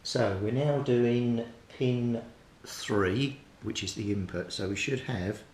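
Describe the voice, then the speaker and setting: A man with a somewhat dark tone speaks slowly, walking through a repair in a methodical, unscripted way and thinking aloud as he goes. He is a hobbyist radio repairer showing his progress. The room echoes noticeably and a clear rumble runs underneath.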